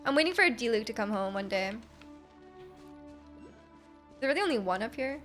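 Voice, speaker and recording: A woman livestreams a game and chats loosely with her viewers, giggly and hesitant, repeating herself as she rambles. She sounds a little high, animated, brisk, and a bit bright. Her mic is close, and faint music plays behind her.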